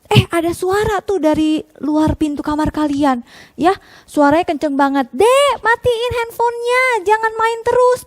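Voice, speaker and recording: A woman's voice: high-pitched, no echo. A woman teaching Sunday school, speaking directly to the children and asking them questions. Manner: animated, talks directly to the children with many questions. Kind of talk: storytelling lesson for children.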